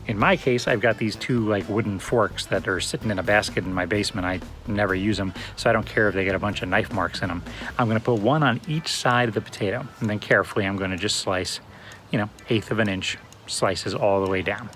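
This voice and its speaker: Chatty man with a low voice. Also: brisk, soft background music. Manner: relaxed and chatty, with fillers. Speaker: cooking channel host. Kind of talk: casual cooking demonstration.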